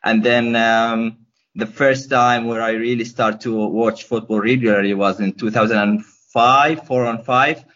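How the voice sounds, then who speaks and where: A man's voice: mid-range voice, fairly even intonation, a little slow, fairly bright tone. A young man from Gaza, answering podcast questions hesitantly, with many ums and restarts. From Gaza, Palestine. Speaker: podcast guest. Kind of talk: casual interview answers. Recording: dull lo-fi podcast audio.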